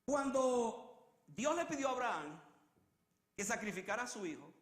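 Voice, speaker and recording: Dramatic high-voiced male preacher. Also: very animated, moderate pace, reverberant. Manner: dramatic, swinging from loud climaxes to hushed low repetitions. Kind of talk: sermon.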